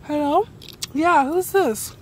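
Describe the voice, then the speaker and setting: A tired woman in a rambling, excitable casual vlog to camera, recorded outdoors at night on a handheld phone after a long ride. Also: high-pitched, slow pace, a little hiss or hum. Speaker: travel vlogger.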